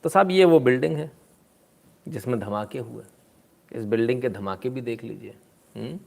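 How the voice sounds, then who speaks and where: Male commentator, casual and sarcastic, mocking asides, throat clearing, close-mic chat. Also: mid-range voice, moderate pace, dark tone, slight background noise. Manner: frequent throat clearing and "hmm?". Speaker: political commentary host.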